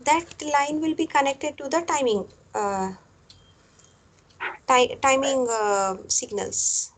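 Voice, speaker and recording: A woman lecturer, explaining a technical topic step by step, often repeating phrases and pausing on fillers. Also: high voice, fairly even intonation, poor audio. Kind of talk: classroom lecture.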